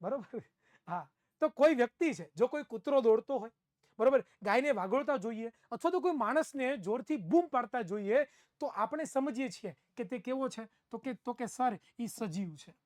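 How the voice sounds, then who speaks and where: A man's voice: very high-pitched, animated, normal speed, dry recording, studio quality. A male science teacher, giving an online class in a playful way, repeating phrases and acting out students' replies.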